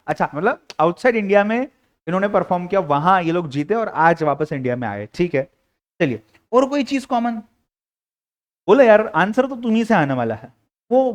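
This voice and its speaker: A young man with an Indian accent runs a live classroom lecture, his voice pitched high for a man. He swings his pitch widely, playfully coaxing students to speak up and answer. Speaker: teacher.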